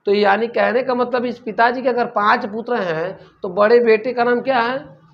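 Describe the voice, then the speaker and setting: A man's voice: very high-pitched, fairly even intonation, normal speed, vocal fry. A man teaching a grammar lesson, explaining step by step and asking rhetorical questions as he goes. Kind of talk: classroom-style grammar lesson. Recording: dull lo-fi recording.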